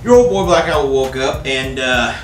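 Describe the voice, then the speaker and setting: A man's voice: mid-range voice, moderate pace. Young guy cooking in his kitchen, cracking jokes, kinda echoey and far from the mic, some music under it. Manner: joking, rambling, calls viewer baby and sir. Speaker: cooking show host. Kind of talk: casual cooking vlog. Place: home kitchen, indoors. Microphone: camera mic at a distance. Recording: roomy kitchen sound from off-mic.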